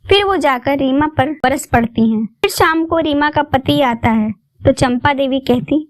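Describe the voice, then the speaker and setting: A woman narrating a family drama story in a plain, steady reading voice. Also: high voice, a little slow, no room sound.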